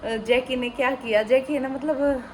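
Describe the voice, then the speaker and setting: A woman's voice: high voice, fairly even intonation, normal speed, darkish tone. Woman, Haryanvi accent, young, casual home vlog, emotional storytelling, noisy phone recording. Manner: chatty, emotional storytelling with teasing asides. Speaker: family vlogger. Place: home kitchen.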